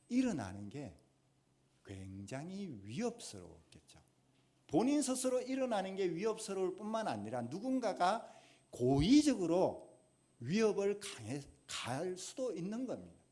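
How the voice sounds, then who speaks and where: Animated Gyeongsang-accented male preacher. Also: high-pitched. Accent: Gyeongsang Korean. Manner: emphatic, rising to forceful exhortation. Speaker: pastor. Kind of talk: sermon. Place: church sanctuary.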